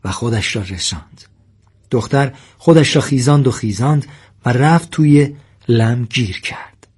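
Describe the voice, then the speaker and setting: Husky male storyteller. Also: mid-range voice, darkish tone. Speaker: narrator. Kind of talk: story reading.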